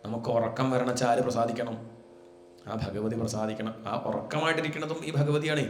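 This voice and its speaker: A man teaching a devotional scripture discourse, telling the story and chanting Sanskrit verses slowly between his explanations. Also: mid-range voice, steady tone, echoey room, slight background noise. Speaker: Bhagavatam teacher.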